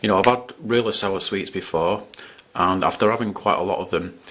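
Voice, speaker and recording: A man's voice: low voice, fairly quick, background noise. Chatty man reviewing candy. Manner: rambling, chatty, restarts sentences while eating. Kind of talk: casual product review. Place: at home in front of a camera.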